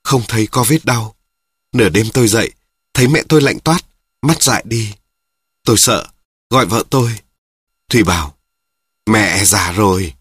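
A man narrating a first-person story in a plain, measured, somber way. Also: medium pitch, animated, fairly bright tone, slight background noise.

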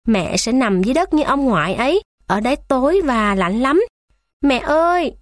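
A woman's voice: on the high side, big pitch swings, fairly quick, no room sound. A small anxious boy pleads through tears in a raised, childlike voice, as a woman reads him out. He sounds close and dry, without any room around him. It is a storybook reading. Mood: tearful. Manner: pleading, tearful. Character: small anxious boy who loves his mother.

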